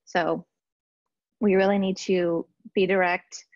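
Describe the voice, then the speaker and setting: A woman marketing strategist presenting a workshop in a casual, chatty way, often pausing with fillers and restarting sentences. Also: fairly low pitch, little pitch movement, darkish tone, no room sound, lo-fi sound. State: briefly out of breath. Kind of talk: casual slide-based webinar teaching.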